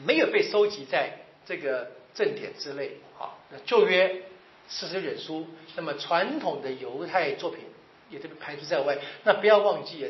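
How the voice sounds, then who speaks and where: Man lecturing on scripture in a roomy hall. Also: fairly high pitch. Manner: conversational, often checks in with the audience with rhetorical questions; ends phrases with drawn-out particles. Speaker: Bible lecturer. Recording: roomy, slightly dull recording.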